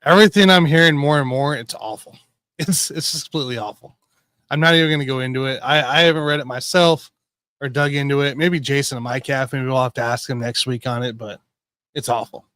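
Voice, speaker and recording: A man hosting a casual sports betting show, rambling and correcting himself as he tells excitable stories. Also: mid-range voice, brisk, no room sound. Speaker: podcast host.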